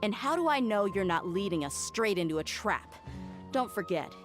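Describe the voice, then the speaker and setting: A woman's voice: medium pitch, expressive, moderate pace, faint music behind, close to an everyday voice. An actress playing a tough, blunt mercenary woman in a video game, speaking in a curt, commanding, dry manner. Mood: stern, threatening. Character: tough, blunt female mercenary, cool and threatening. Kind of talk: scripted video game dialogue.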